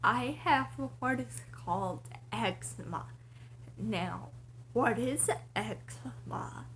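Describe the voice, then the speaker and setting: A woman vlogger with breathy, airy starts to her words, talking casually in slow, halting, short broken phrases. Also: a little high, a bit bright, slight background noise. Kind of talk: casual personal vlog to camera.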